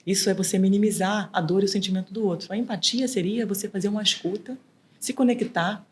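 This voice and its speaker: A middle-aged woman mediator chatting as a podcast guest, animated and acting out quoted dialogue. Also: medium pitch, fast talker. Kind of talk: casual podcast interview.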